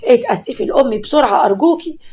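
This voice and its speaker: A woman's voice: high-pitched, animated, rapid-fire, dark tone. A woman with an Egyptian accent voicing a young husband torn between his mother and his wife, pleading and firm.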